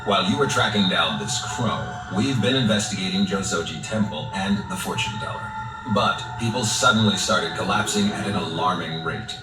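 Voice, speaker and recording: A man voicing a grave, composed director in a video game, speaking formally and deliberately in measured phrases. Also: low-pitched, lightly acted. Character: grave, composed male director of a secret organization. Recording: roomy, distant sound under loud music.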